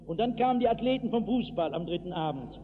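A man preaching an evangelistic sermon to a hall, telling stories from his own life and breaking into acted shouts. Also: high-pitched, lively intonation, fast. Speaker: pastor. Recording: tinny lo-fi hall recording with hiss.

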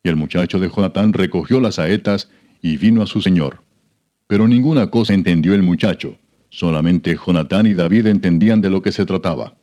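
A man reading scripture aloud in a measured, solemn narration. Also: sits low, mellow. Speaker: scripture reader.

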